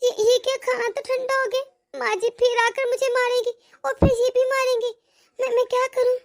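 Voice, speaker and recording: A woman's voice: very high voice, little pitch movement, brisk. A woman voicing a timid young daughter-in-law who stammers and pleads. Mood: frightened. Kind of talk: cartoon voice acting.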